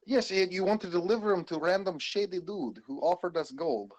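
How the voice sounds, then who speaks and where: A man's voice: high voice, a little fast. A man playing his character in a tabletop game, arguing stubbornly, with a put-on Russian accent that comes and goes. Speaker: player. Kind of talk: in-character tabletop role-play.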